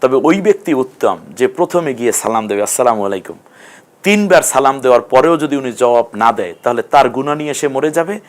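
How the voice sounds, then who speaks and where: A man's voice: medium pitch, lively intonation, fast talker, hardly any pauses. Patient man teaching a reading lesson. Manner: patient, step-by-step explaining, asks questions of learners. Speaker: Quran teacher. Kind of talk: recorded Quran reading lesson.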